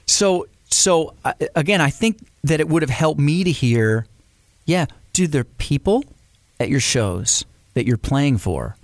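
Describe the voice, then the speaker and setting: A man co-hosting a music podcast in casual chat, talking fast and jokingly and often cutting in. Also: fairly high pitch, dry recording, clean studio sound. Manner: animated, quick, jokey, talks over his co-host. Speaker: podcast co-host.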